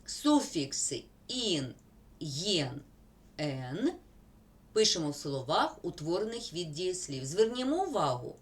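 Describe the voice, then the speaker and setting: A woman teacher, slowly dictating word examples in a school grammar lesson. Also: lowish voice, very animated.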